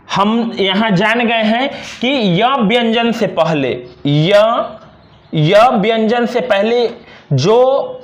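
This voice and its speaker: Slow, patient high-voiced male teacher. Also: reverberant. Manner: slow, patient, repeats each example word. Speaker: Hindi grammar teacher. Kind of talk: classroom lesson explaining examples on a board.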